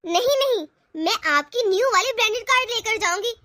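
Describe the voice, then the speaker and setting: A woman's voice: very high voice, lively intonation, a little fast, bright, forceful tone, heavily acted. A woman voicing a spoiled young college girl who wheedles and pushes to get her way, in a homemade family drama. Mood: wheedling. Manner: pleading, wheedling.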